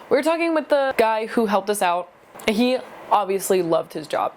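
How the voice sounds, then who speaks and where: In a casual storytelling vlog, a young adult woman chats away at a medium pitch, packing her sentences with "like" as filler. There's a little hiss or hum on the recording.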